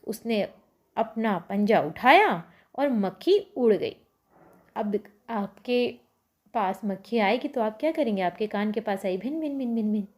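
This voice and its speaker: A woman's voice: a little high, a little mellow. A woman teacher patiently retelling a story to young children, often stopping to explain and ask them questions. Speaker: primary school teacher.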